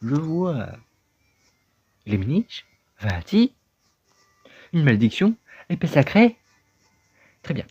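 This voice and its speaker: A man's voice: fairly high pitch, big pitch swings, slow pace, pauses often, mellow, breathy edge, voice pushed up, exaggerated voice. A man voicing a fussy, grumpy old male talking cap who is bossy and impatient as he reads game dialogue aloud. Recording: dull lo-fi sound with game music.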